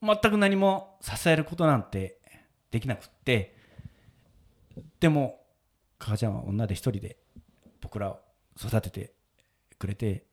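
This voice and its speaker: His medium-pitched voice is expressive and unhurried, with frequent pauses. The man, a radio show host and wedding photographer, keeps breaking into laughter while recounting a moving story in a relaxed on-air chat.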